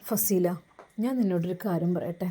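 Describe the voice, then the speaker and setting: A soft-spoken young husband, earnest and heavy-hearted, pitched well down into a low, hushed register, as a woman puts him on for a spoken storybook. He talks quietly and close, with a tender, worried warmth. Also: normal speed, breathy edge.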